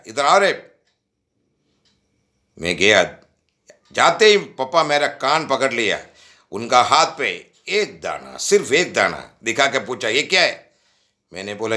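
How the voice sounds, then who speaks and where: A man shares a personal story as a devotional message, talking straight to young listeners. His voice swings widely in pitch and stays lively as he acts out the dialogue. The tone is bright and forward. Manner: animated, acts out quoted dialogue; addresses young listeners directly.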